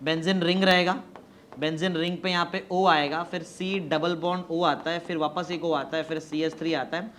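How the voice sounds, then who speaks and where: A man teaching chemistry in a classroom, dictating notes slowly and spelling words out letter by letter. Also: fairly high pitch, level tone, a bit bright, slight background noise. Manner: mixes Hindi and English, urging students to hurry.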